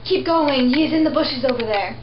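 A young woman with a high voice reads several parts fairly quickly in a home sock-puppet show of a classic play, in a plain, earnest way. The amateur performer is indoors behind a sheet backdrop, and the audio is dull with a noisy background.

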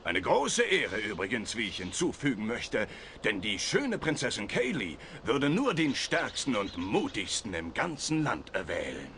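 Ein Sprecher, der im Videospiel einen unterwürfigen, nervösen Herold spielt, der über seine Worte stolpert. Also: male voice, lowish voice, huge pitch swings, measured pace, a bit bright, a little hiss or hum, heavily acted. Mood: fawning. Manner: obsequious, stumbling over his words. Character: fawning, stammering, nervous male herald. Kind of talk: video game dialogue.

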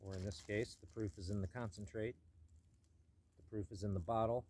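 An older man talks his way up a forest trail outdoors, rambling and thinking aloud with plenty of ums and uhs. His voice sits low, and he slips in a dry joke now and then. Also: steady tone, brisk, a little mellow, breathy edge. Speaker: hiking vlogger. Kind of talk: casual narration while hiking.

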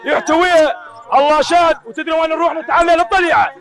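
A man's voice: very high-pitched, steady tone, rapid-fire. A man with an Iraqi accent speaking fervently as a local volunteer outdoors. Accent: Iraqi Arabic. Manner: fervent, swearing oaths. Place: outdoors in a crowd.

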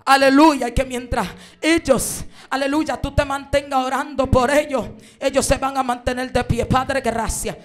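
A woman preacher, telling her story in a fiery sermon and breaking into shouted praise. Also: high voice, steady tone, normal speed, soft background music. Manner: shouts and chants praise between stories.

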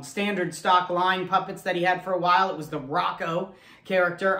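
A man's voice: sits high, bright, forceful tone. American guy doing a casual unboxing, takes his time, echoey room. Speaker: ventriloquist host. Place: indoor puppet studio room. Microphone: camera a few steps away. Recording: echoey room, distant camera mic.

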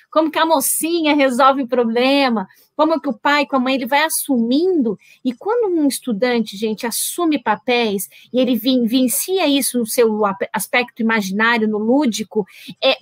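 High-voiced Brazilian woman professor, dry sound. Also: no room sound. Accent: Brazilian Portuguese. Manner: engaging, addresses audience as "gente". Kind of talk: online seminar commentary.

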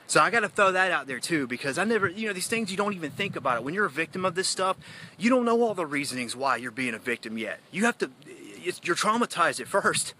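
Guy ranting on a phone livestream, kinda high voice, street noise all around. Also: lively intonation, fast, bright, forceful tone. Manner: heated, accusatory, rambling with many "you know"s. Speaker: citizen activist livestreaming. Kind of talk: emotional livestream rant.

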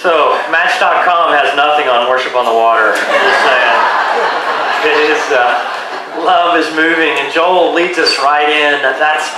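A male pastor making a relaxed, joking handover at a live church service. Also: fairly high pitch, measured pace. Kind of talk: sermon transition at live service. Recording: echoey live sound with loud crowd noise.

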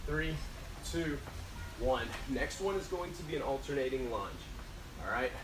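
A man's voice: mid-range voice, unhurried. Distant, echoey male aerobics instructor counting reps. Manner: motivational coaching, counting down, short urging cues; exercising while talking. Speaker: fitness instructor. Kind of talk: aerobics instructor leading a timed workout. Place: covered porch outdoors. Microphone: camera several metres away. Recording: echoey, noisy, distant camera microphone outdoors.

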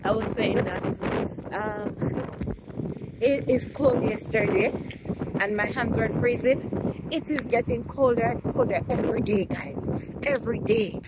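A woman vlogger walking fast outdoors on a windy street, talking breathlessly into her phone about the cold. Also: a little high. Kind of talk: casual chat to camera.

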